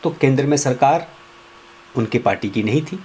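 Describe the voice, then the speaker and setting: A man delivering a political opinion monologue, accusatory and emphatic, jumping up in pitch on key words. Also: animated, moderate pace, a little mellow, a little hiss or hum. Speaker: political commentator.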